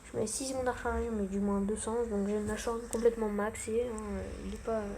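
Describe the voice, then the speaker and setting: A woman's voice: on the high side, little pitch movement, fast, mellow, slight background noise. A young woman giving casual, self-mocking gameplay commentary, full of gamer slang. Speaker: gaming channel host.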